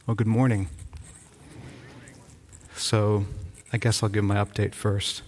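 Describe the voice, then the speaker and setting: A visiting church-planting pastor from Rhode Island gives an earnest, enthusiastic, informal update from the pulpit, halting and often restarting his sentences. His voice is fairly low with a level tone, and slight background noise sits under the long reverb of the church sanctuary.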